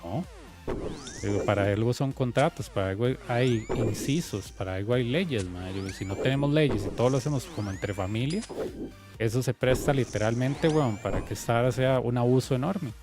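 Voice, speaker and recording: A man with a Costa Rican accent rants in casual storytelling mode, using heavy slang and dropping "mae" every few words. His pitch sits in an ordinary middle range. Faint music plays behind him. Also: moderate pace. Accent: Costa Rican Spanish. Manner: heated, slangy, says "mae" constantly. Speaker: streamer and game coach.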